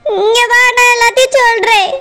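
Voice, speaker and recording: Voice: extremely high pitch, fairly even intonation, moderate pace, sharp tone, faint music behind. A voice actor playing a crying young married sister who urgently pleads for her brother to come home, in southern Tamil Nadu village speech. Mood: tearful. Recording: noisy cartoon voice track.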